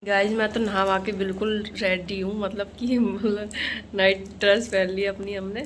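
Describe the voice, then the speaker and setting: In a casual home vlog shot on a phone camera, a young woman chats and rambles while cooking and cleaning around her kitchen and rooms. She speaks in a mid-range voice with flat delivery at a moderate pace, over slight background noise.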